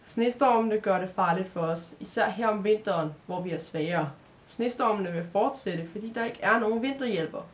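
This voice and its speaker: A woman voicing a gentle, sad male creature who talks softly and patiently, as if explaining to a child. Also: mid-range voice, lightly acted. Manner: patient, explaining, soft-spoken.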